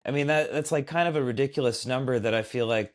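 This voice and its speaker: A man's voice: medium pitch, fast. A man co-hosting a casual podcast chat, hesitant and restarting his sentences often. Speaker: podcast co-host.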